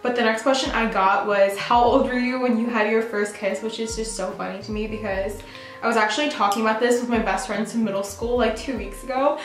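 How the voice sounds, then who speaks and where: A woman's voice: a little high, steady tone, a little fast, faint music behind. Chatty young woman in echoey bathroom. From New York. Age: young adult. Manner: chatty, lots of "like" fillers. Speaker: beauty vlogger. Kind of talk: get-ready-with-me chat. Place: bathroom at home.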